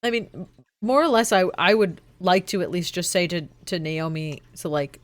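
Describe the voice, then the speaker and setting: A woman's voice: on the low side, normal speed, dry recording. A woman playing a tabletop game, casual and laid-back. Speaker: player.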